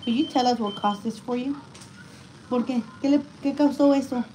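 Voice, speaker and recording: A woman's voice: fairly high pitch, normal speed, poor audio. A woman vlogging a family hospital visit, chatting and teasing casually in a mix of Spanish and English. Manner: joking, teasing, playful. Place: hospital room. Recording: hospital room with steady background noise.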